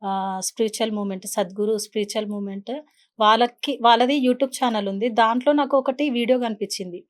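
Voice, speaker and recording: A woman speaking as a talk-show guest, telling her own story in an earnest way. Her voice sits a little high, and her words come quickly. She often slips English words into her speech. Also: steady tone. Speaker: interview guest. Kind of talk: emotional personal storytelling in an interview.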